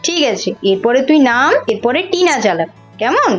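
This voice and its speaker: A woman voicing a kind, patient young uncle who teaches children to ride a bicycle, talking in a calm, lower voice. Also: moderate pace. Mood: encouraging. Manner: soothing and patient. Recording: slightly muffled with faint music.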